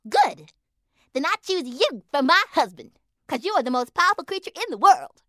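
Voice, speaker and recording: A woman voicing an eager young female mouse, high and bright with lively questions. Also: normal speed, no room sound, studio quality, heavily acted.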